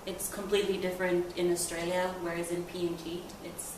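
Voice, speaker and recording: A woman's voice: lowish voice, level tone, fairly quick. Chatty young woman. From Papua New Guinea. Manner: conversational, many fillers like you know. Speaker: interviewee. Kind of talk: casual interview answers. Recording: echoey, distant mic, background noise.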